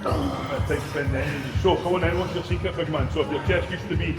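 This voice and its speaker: A man's voice: fairly high pitch, fairly even intonation, fairly quick, over loud music. A man hosting a casual gym vlog as a coach, with matey gym bro talk and some swearing. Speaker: host and training coach.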